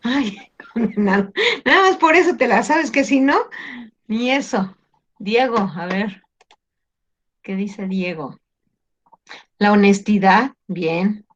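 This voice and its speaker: Slow-spoken woman teacher. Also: mid-range voice, highs cut off. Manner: patient, teasing, questioning. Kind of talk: online class exam review.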